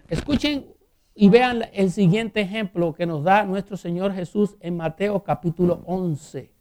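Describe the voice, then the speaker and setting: A man preaching a sermon, reading scripture aloud and asking rhetorical questions, slowing down on key phrases. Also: sits high, darkish tone. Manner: reads scripture aloud and comments.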